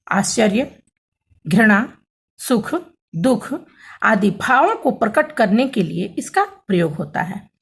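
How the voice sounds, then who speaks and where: A woman's voice: medium pitch, slightly rough. A woman teaching a grammar lesson to children, explaining patiently and often checking that they follow.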